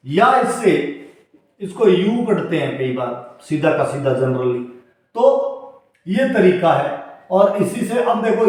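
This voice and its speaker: A man's voice: sits high, a little mellow. A man teaching a lesson, explaining step by step and spelling out example words. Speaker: English teacher. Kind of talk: spoken classroom-style lesson. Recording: very echoey room.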